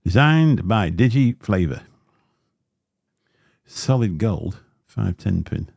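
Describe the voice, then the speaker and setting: Animated yet slow, this deep-voiced livestream host has vocal fry and a darkish tone as he unboxes gear and rambles through chatty, filler-heavy asides. He's close on a dynamic studio mic, studio quality with no room sound.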